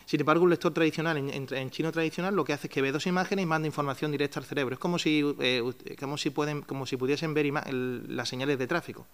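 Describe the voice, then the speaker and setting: A man's voice: on the high side, fairly even intonation, quick pace, hardly any pauses, fairly bright tone. Spanish man, press-conference presenter, explains patiently, restarts often, poses questions and answers them. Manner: explains step by step with many restarts and fillers; asks himself rhetorical questions and answers them. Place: town hall press room.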